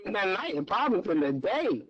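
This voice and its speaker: A woman phones in to a public meeting and fires off persistent questions, demanding specifics in a very animated, rapid-fire way. The remote line muffles her badly so that only the bass comes through.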